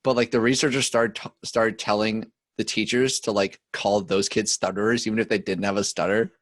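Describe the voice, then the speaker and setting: A man's voice: on the low side, fairly even intonation, brisk, dry recording. A young man co-hosting a podcast, telling a story in casual chat with lots of fillers and cursing. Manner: rambling storyteller with filler words and profanity. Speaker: podcast co-host.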